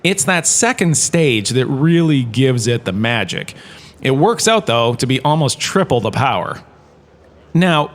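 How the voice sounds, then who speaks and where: In this comedic sci-fi audio drama, a man voices a self-satisfied former performer, now past his prime and lecturing at a university. The delivery is talkative and wandering, in a mid-range voice close to ordinary speech.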